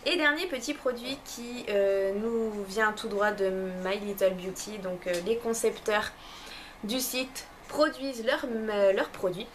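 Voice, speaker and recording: A woman's voice: mid-range voice, unhurried, a little hiss or hum. A young woman casually reviewing beauty products from a subscription box, hesitant, with many fillers and restarts. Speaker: beauty vlogger.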